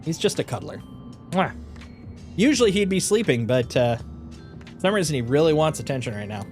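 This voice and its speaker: Faint music plays behind this male streamer from Wisconsin, whose fairly high, a-little-nasal voice moves at a normal speed. Hamming up his Upper Midwest accent, he keeps the live-stream chat casual, cracking jokes, laughing often, and tossing out over-the-top folksy exclamations.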